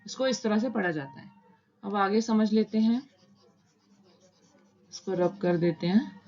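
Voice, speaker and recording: A woman teaching a shorthand lesson, walking through each step patiently and repeating the key points. Her voice sits at a middle pitch, and the recording is slightly dull and lo-fi. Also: unhurried, darkish tone. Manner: patient, repeats steps, mixes English terms into Hindi. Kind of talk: step-by-step lesson explaining while writing.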